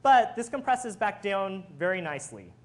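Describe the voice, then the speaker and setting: Engineer presenting, sex open: mid-pitched, explanatory, walks listeners through step by step. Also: big pitch swings, normal speed. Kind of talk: technical presentation.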